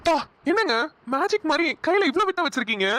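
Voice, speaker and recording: A woman's voice: extremely high pitch, very animated, fast talker, a bit bright, dry recording, exaggerated voice. A woman voicing a polite, eager young man in a cartoon, speaking in a friendly, courteous way. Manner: friendly, apologetic. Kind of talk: cartoon voice acting.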